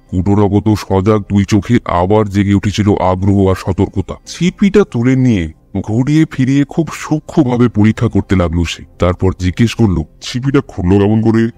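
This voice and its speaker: A man narrates a detective story in the first person, in a steady, literary storytelling manner. His voice is low and mellow. The recording is close and dry. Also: dry recording.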